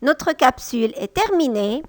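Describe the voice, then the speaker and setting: A woman teaching a language lesson. She speaks patiently and repeats each example sentence slowly and a little louder. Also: high-pitched, sing-song, no room sound. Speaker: French teacher. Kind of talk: slow, clear language lesson.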